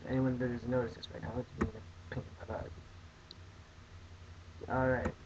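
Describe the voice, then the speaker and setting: A man's voice: mid-range voice, level tone, moderate pace, gravelly. Young man hosting a jokey webcam Q&A. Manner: jokey, rambling, mock-outraged. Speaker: vlog host answering viewer questions. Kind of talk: casual comedic vlog. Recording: dull lo-fi webcam audio, faint hiss.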